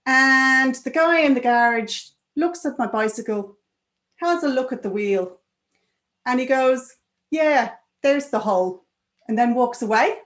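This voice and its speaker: Woman doing Irish male trainer, incredulous, questioning, pitched up, louder. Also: measured pace. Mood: quizzical.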